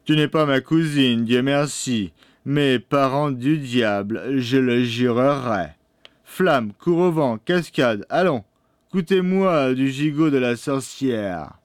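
A man's voice: medium pitch, lively intonation, slow, clear, resonant tone, no echo, studio quality. A man voicing a clever, bold youngest brother who speaks firmly and defiantly in a storybook reading. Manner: firm, defiant. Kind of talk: storybook read-aloud.

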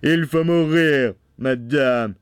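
A man voicing a cruel, merciless nobleman, shouting slowly and loudly with menace in a storybook reading. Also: on the high side, clean tone, no echo, pitched above the performer's own voice. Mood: menacing. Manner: slow, loud, menacing shouting. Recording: dry studio sound.

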